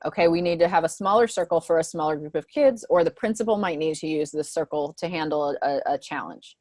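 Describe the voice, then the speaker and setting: She's a school mentor leading teachers through a video-call presentation, speaking fairly quickly in a lowish voice with a darkish tone. Frequent "right?" check-ins keep it conversational, and the audio is close and dry with no room sound.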